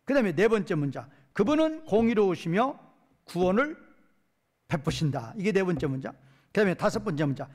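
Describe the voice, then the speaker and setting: Emphatic high-voiced male preacher. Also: sing-song, darkish tone. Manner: emphatic, asks the hearers questions and answers himself; reads verses slowly and drawn out. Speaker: pastor. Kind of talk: expository Bible lecture.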